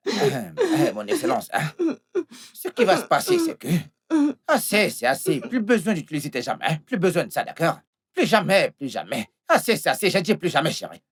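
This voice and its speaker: A woman's voice: fairly low pitch, wildly swooping pitch, moderate pace, husky, full character voice. A woman dubbing a doting married man who stammers, repeats himself and fusses over his young lover, in a French film dub. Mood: fussing.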